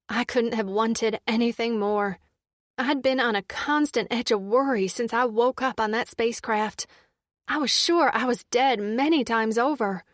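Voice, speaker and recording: A woman reads a first-person audiobook in a steady, measured manner. Her voice sits a little high and sounds dry and close to the mic. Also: no room sound. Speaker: audiobook narrator.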